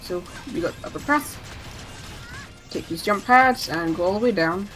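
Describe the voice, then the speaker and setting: Speedrunner, female, mid-pitched, chatty and jokey live commentary over faint game music. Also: expressive, normal speed, fairly bright tone, rough recording. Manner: chatty, joking asides.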